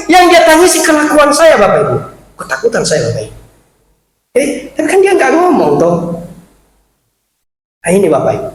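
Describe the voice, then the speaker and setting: A man preaching a sermon to his congregation in a chatty, animated way, addressing them directly and laughing along with them. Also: fairly high pitch. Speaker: pastor. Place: large echoey church hall. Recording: echoey church hall, faint hiss.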